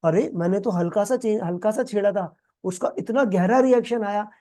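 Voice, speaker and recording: A man's voice: high voice, normal speed, mellow. A man tutoring students in a recorded exam-prep lecture. He calls them "beta", quizzes them with call-and-response questions, and explains with playful everyday examples full of English terms. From Pakistan. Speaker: accounting tutor.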